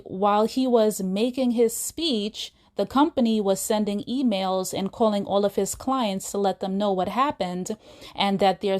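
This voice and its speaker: On her own podcast, a woman with a medium-pitched, slightly mellow voice recounts a film scene. She keeps it casual and chatty, tossing asides to her audience as she tells the story.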